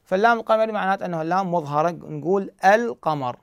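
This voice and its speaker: A man's voice: on the high side, fairly quick, gravelly, clear, resonant tone, no room sound. A man with an Iraqi Arabic accent, teaching Quran recitation rules step by step and answering his own questions. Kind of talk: explanatory lesson.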